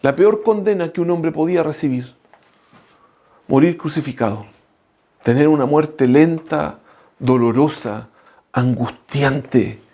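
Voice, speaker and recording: A male preacher, delivering an impassioned sermon that swings from loud cries to hushed lines and calls the listeners brothers. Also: slow pace, pauses often. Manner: impassioned, shifting between loud outbursts and low hushed lines; addresses the congregation as brothers.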